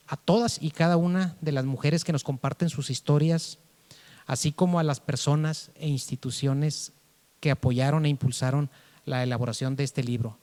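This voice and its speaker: A man's voice: mid-range voice, warm tone. Formal man with long reverb. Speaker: book presentation speaker. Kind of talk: formal speech read aloud.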